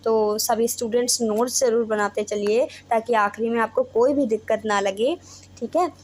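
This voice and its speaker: A woman's voice: on the high side, fairly even intonation, normal speed, darkish tone. A young Indian woman teaching a grammar lesson, explaining step by step and often checking in with her students. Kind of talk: Hindi-English grammar lesson.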